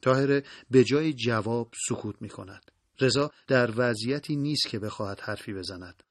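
A man reading a story aloud in a calm, measured audiobook narration. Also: medium pitch, dry recording, studio quality.

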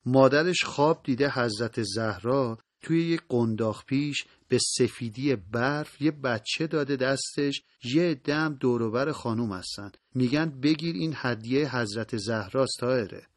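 A man's voice: medium pitch, few pauses, no echo, natural voice. An older woman who recounts a dream reverently, read by a man in a plain voice, with a dry, close recording.

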